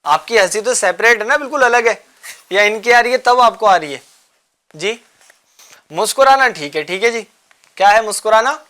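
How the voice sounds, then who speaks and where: A man hosting a children's religious show, coaxing the kids with repeated questions and gentle teasing. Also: high voice, lively intonation, pauses often. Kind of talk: quizzing children in a studio class.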